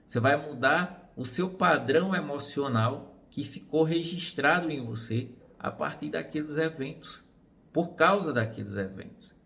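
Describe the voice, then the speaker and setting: Brazilian guy, therapist type, gravelly voice, keeps asking rhetorical questions. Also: a little high, unhurried, a bit bright. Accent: Brazilian Portuguese. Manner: earnest, asks rhetorical questions. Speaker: psychotherapist. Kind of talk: reflective talk to camera.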